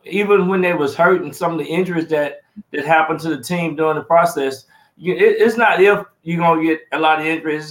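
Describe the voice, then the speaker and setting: A man talks football in a loose, rambling way, circling back and repeating words as he works toward his point. His voice sits a little high for a man. The room around him rings with echo. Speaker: sports talk co-host. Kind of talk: casual sports talk.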